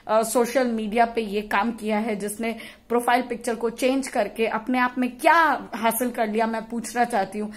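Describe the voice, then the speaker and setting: A woman YouTuber ranting angrily and forcefully in a vlog, slipping English phrases into her talk. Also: fairly high pitch. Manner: angry, insulting, forceful; mixes English phrases into Hindi. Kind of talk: impassioned vlog rant.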